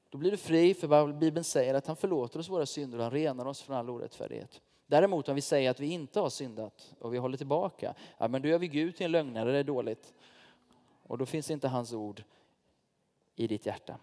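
A man's voice: medium pitch, warm tone. Man preaching casually in a reverberant church. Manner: informal, direct address to the congregation, personal stories. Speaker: pastor. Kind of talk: sermon. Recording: long reverb of a church hall.

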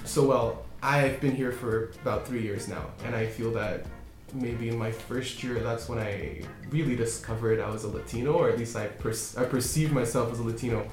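A man's voice: mid-range voice, normal speed. A young man from Brazil hosting a casual roundtable discussion, talking loosely with many restarts. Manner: relaxed, rambling with many restarts. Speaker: podcast host. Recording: roomy echo, faint music.

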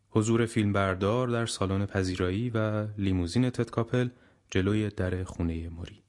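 A man reading an audiobook aloud in a steady, measured storytelling manner. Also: on the low side. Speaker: audiobook narrator. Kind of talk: scripted audiobook narration.

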